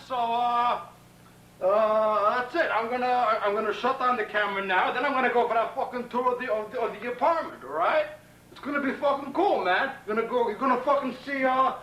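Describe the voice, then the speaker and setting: Speaking with an extremely high pitch and a somewhat bright tone, a Brooklyn man with a Brooklyn accent rambles and swears to a pen pal on a home camcorder tape shot from a tripod in his apartment bedroom. He brags, issues threats, stutters through restarts and says "man" over and over. The 1990 recording is lo-fi, roomy and distant, with tape hiss.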